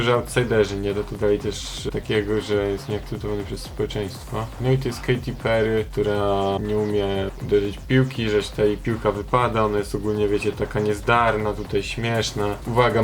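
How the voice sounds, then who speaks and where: A young man giving casual, digressive commentary with a sarcastic edge. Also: on the low side. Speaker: video commentator.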